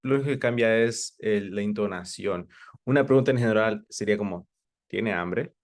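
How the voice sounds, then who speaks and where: Low-voiced man teaching an English class. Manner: patient, explains slowly, repeats examples and quizzes students by name.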